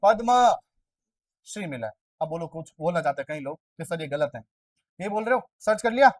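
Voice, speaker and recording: A high-voiced man teaching a classroom of exam candidates, firing questions at them and answering in their place, bantering when they push back. He sounds set back from the microphone in a dry room with little reverb. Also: lively intonation, fairly quick, distant mic. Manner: quizzes the class constantly, voicing their questions himself; chatty, argues playfully with students. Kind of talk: classroom lecture for exam prep.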